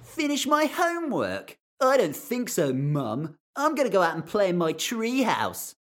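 A bratty little boy, whining and talking back, his voice high and bouncing all over the place. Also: huge pitch swings, measured pace, a bit bright, a little hiss or hum, full character voice. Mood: whiny. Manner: whiny, defiant. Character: bratty young boy defying his mum.

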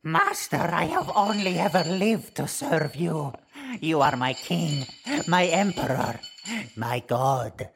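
A man's voice: fairly high pitch, sing-song, takes it slowly, creaky, noisy background, full character voice. A man voicing a groveling servant, fawning and reverent toward his master.

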